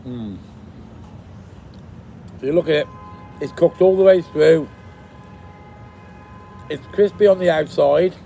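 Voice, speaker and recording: Casual male food reviewer, talks while chewing, creaky and mellow delivery, faint ambient noise behind. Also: on the high side, slow, pauses often. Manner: chewing and eating while talking.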